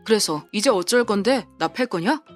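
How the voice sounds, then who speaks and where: A woman voicing a big, burly off-duty male police officer in an audio drama, speaking calmly and coldly with sarcastic questions. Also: medium pitch, normal speed, faint music behind, close to an everyday voice. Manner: calm, cold, sarcastic questions.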